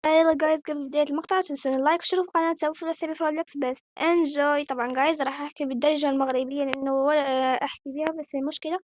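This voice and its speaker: Fast, high-voiced Moroccan woman gamer. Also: a little hiss or hum. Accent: Moroccan Arabic. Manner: chatty, bursts into excited squeals when surprised. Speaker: gaming channel host. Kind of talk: gameplay commentary.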